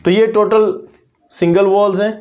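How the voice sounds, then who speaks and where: A man's voice: sits high, steady tone, normal speed, darkish tone. A man gives a classroom-style lesson in a slightly raised voice. He explains step by step and drills example words aloud. The recording sounds dull and lo-fi. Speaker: English teacher.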